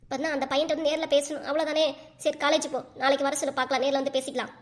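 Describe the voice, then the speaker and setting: A woman's voice: high voice, level tone, racing, close to an everyday voice. A woman voicing a weary, sorrowful mother. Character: weary worried middle-aged mother.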